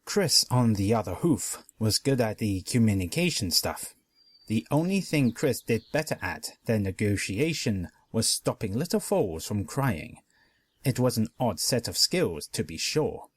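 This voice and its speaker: A man narrating a pony fanfic story as a dramatic reading, expressive throughout. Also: on the low side, a little slow, slightly rough.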